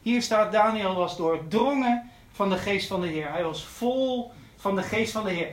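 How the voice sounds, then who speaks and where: Speaking at a normal speed, a male preacher with a fairly high voice gives an earnest sermon and keeps repeating his main phrases. A large church's echo fills the sound.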